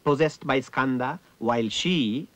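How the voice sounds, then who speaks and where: A man narrating a ritual in a measured, descriptive way. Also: medium pitch, no echo.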